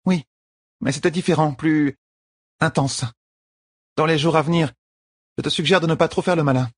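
A man voicing a strong-willed young queen with a firm, quick-tongued, slightly defensive manner, in an audiobook. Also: fairly high pitch, fairly even intonation, dry recording, studio quality, voice pushed up, natural voice.

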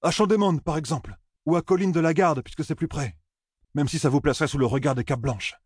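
A man reading an audiobook, voicing an earnest, forceful young village man who urges others with pleading, husky speech. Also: a little high, fast talker, no room sound, clean studio sound, voice pushed up. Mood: urging. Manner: pleading, urgent persuasion.

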